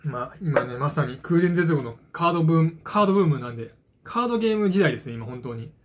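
Casual solo vlogger, man in his 40s, husky and slightly high-voiced, self-deprecating ramble. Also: animated, quick pace. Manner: self-deprecating, hesitant asides. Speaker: vlogger, card game hobbyist. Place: small dim room at home, indoors. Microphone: phone propped at arm's length.

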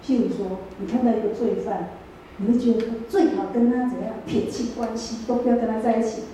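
A woman's voice: on the high side, steady tone, fairly quick, warm tone, slight background noise. A middle-aged woman with a Taiwanese Mandarin accent giving a chatty sermon, asking her listeners questions as she goes. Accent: Taiwanese Mandarin, with Taiwanese Hokkien phrases. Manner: chatty, asks the room questions. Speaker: church speaker. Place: church hall. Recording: echoey church hall, mic far off.

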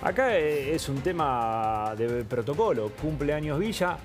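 A man's voice: on the high side, lively intonation, a little slow, soft background music. A man on a TV sports panel, arguing his point and repeating himself. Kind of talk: TV panel discussion. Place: TV studio.

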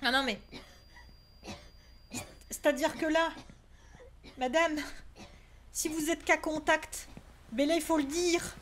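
A woman streams a horror game in a bright, high voice. She talks in jumpy, anxious bursts, swearing and exclaiming as she goes, pleading for it all to stop. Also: fairly even intonation, slow, long pauses, slight background noise. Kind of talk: live gaming commentary.

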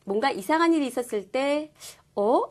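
A woman teaching a language class, explaining pronunciation clearly and patiently. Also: fairly high pitch, expressive, normal speed. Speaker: Korean-speaking Chinese language teacher. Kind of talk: scripted lesson presentation.

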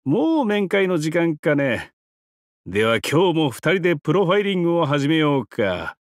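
An actor voices a depraved, mocking trickster giant-god imprisoned in a game, delivering character lines in a fairly high, sing-song voice. Smug and theatrical, he taunts, draws out his words and breaks into sudden swoops and cackles. The studio sound is clean with no echo.

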